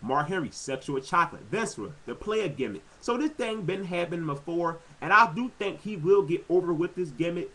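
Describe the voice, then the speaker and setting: An animated man talks through his take on a wrestling episode in a casual, off-the-cuff vlog. His voice sits a little on the high side for a man, and he keeps breaking into excited exclamations. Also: moderate pace, few pauses, low-quality recording. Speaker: wrestling fan vlogger. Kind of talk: casual commentary.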